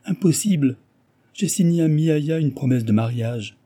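A man's voice: mid-range voice, fast, dark tone, slightly rough, voice pushed up, lightly acted. A man voicing a lovesick, glum Breton valet in an audiobook, talking plaintively. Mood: lamenting.

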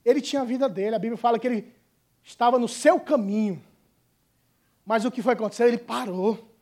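Fiery high-voiced preacher. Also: male voice, fairly quick. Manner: fiery and colloquial, shifting between shouts and hushed asides. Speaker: pastor. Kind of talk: sermon. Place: church.

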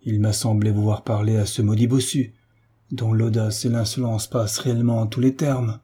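A man reading a fussy, excitable guardian baron in a French audiobook. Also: lowish voice, moderate pace, slightly rough. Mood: indignant.

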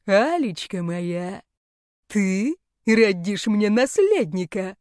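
A woman voicing an arrogant, domineering aging male rector of a magic academy in an audiobook, speaking slowly and haughtily. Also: mid-range voice, very animated, darkish tone, dry recording, clean studio sound. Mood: haughty, menacing. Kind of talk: audiobook character voice.

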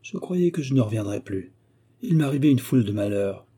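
A man doing a rambling, excitable valet. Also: mid-range voice, brisk, husky. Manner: long-winded, excitable storytelling. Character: chatty rambling male servant, a bruised valet. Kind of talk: audiobook character reading.

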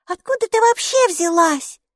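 A woman's voice: very high-pitched, normal speed, no echo, studio quality, voice pushed up. A woman voicing a cheerful, chatty six-year-old girl who keeps asking eager questions, in audiobook style. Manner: eager, excited, full of questions. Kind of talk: audiobook character voice.

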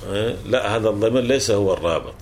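A man's voice: lowish voice, very fast, a little mellow, a little hiss or hum. A man teaching a classical grammar text, explaining patiently and restating each rule several times with small self-corrections.

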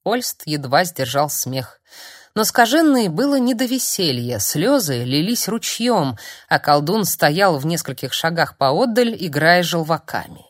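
A woman narrating a story in an expressive, even storytelling manner. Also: low voice, measured pace, dry recording, studio quality. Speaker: audiobook narrator.

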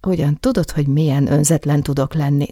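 Reader playing a cocky young man in a romance audiobook, gravelly, dry and mocking. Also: mid-range voice, steady tone, dark tone, dry recording, close to an everyday voice.

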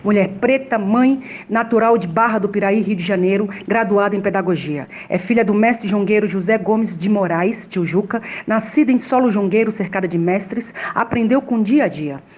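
A woman's voice: medium pitch, moderate pace, few pauses, darkish tone. A Brazilian woman hosting a conversational podcast, introducing a guest and often tagging her phrases with little check-in questions. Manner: frequent "né" tags. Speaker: host.

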